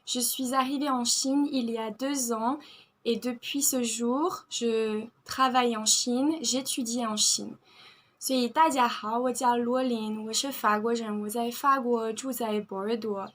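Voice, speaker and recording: A young French woman with a Bordeaux French accent, teaching vocabulary and repeating each word slowly and carefully. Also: fairly high pitch, fairly even intonation. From France. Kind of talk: online vocabulary lesson.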